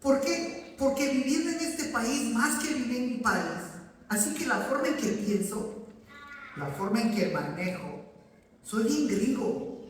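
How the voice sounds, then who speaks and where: Preacher in an echoey church. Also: male voice, extremely high pitch, animated, measured pace, a little hiss or hum. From Ecuador. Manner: direct, addresses listeners as usted, asks questions and answers them. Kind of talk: sermon. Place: church sanctuary. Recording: echoey hall, voice from far off.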